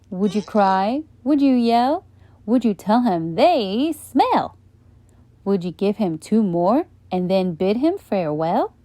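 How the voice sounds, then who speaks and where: A woman hosting a children's channel, reading a bedtime story aloud in a gentle, questioning way. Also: on the high side, dry recording. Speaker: storyteller host.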